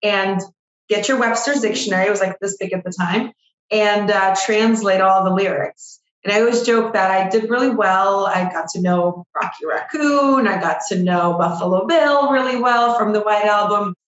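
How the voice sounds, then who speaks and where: Here the PR agency owner, a woman in her forties from Russia who grew up speaking Russian, talks at a moderate pace with a medium-pitched voice. The sound is reverberant and dull as she shares her story, chatty and self-deprecating, as a guest in a relaxed interview.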